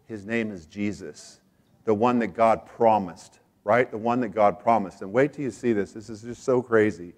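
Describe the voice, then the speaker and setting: An American man preaching a sermon as pastor, repeating phrases for emphasis and swinging from hushed asides to loud, excited peaks. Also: lowish voice, normal speed.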